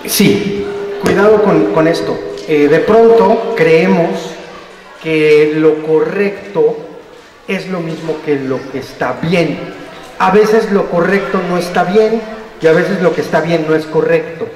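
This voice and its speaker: A man's voice: fairly high pitch, slow pace, a little mellow. An older man with a Mexican accent, giving a playful, joking talk to trainee teachers at a school. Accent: Mexican Spanish. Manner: playful, jokes with the audience, acts out voices. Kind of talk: lively talk with audience. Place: school auditorium. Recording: roomy hall, distant mic, faint noise.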